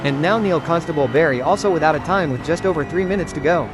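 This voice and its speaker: Brisk male lead commentator for a racing game, played by a man, quick delivery over game music. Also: on the high side, close to an everyday voice. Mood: matter-of-fact. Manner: steady play-by-play updates. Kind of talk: scripted race commentary.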